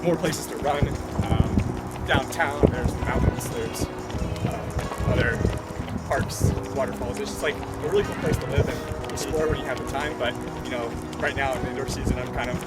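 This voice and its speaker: A young American man in his twenties answers interview questions casually while running, in halting phrases. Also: mid-range voice, steady tone. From Ohio, United States. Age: 20s. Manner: talking while running outdoors. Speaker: professional runner being interviewed. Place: outdoors, on the move. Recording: outdoor, distant mic under loud music.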